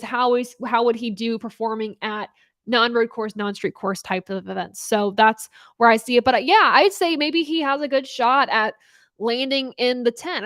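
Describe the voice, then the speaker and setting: A young woman hosts a live racing talk show, casually answering viewer questions in an upbeat, chatty way with frequent laughter, lots of fillers and restarts. Her fairly high voice is a bit bright, recorded close and dry with no echo.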